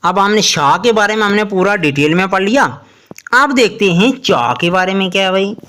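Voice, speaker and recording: A woman teaching English pronunciation in Hindi, spelling out letters slowly and asking the listener questions as she explains. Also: medium pitch, fairly bright tone. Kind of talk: explanatory lesson.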